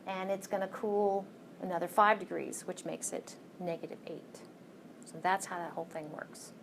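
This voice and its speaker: A woman's voice: on the low side, fairly even intonation, moderate pace, creaky, a little hiss or hum. A woman lecturing a college class, walking through each step and checking in with "okay?".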